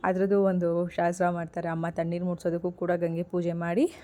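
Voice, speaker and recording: A woman's voice: lowish voice, monotone, brisk, mellow. A woman with a Kannada accent, chatting casually to her viewers in a home vlog about family, shopping and heading out to the market. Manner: chatty, addresses viewers as friends. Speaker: vlogger.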